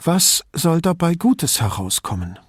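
A man's voice: on the high side, very animated, measured pace, slightly rough, no echo, voice pushed up, heavily acted. A weary woman professor speaks in a raised, listless voice, as a male narrator puts her on for an audiobook. Her words come out subdued and tired. The recording is dry and close. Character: weary, apathetic middle-aged woman professor.

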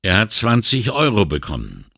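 A man's voice: lowish voice, huge pitch swings, moderate pace, vocal fry, bright, forceful tone, no room sound, clean studio sound, voice pushed up, exaggerated voice. A man voicing a weary, indignant middle-aged male police inspector in an audiobook, sighing and exasperated. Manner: sighing, exasperated and morally upset. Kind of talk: audiobook character reading.

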